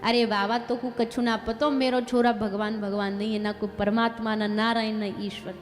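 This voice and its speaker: A woman's voice: on the high side, level tone, normal speed, lightly acted. A woman voicing a fiercely protective village mother with a Braj accent, stubborn and scolding. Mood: defiant. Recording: long hall reverb, faint music.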